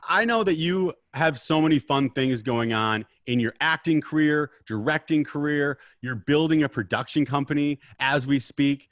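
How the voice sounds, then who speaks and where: A man's voice: a little high, normal speed, hardly any pauses, fairly bright tone, dry recording. A man hosting a casual conversation podcast, asking friendly, long and rambling questions. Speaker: podcast host, interviewer. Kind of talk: casual interview chat.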